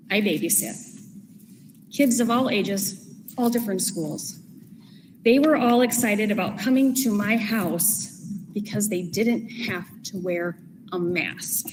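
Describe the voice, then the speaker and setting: A woman, a parent, giving an earnest public comment at a school board meeting, with chatty asides. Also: mid-range voice. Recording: echoey hall with steady background noise.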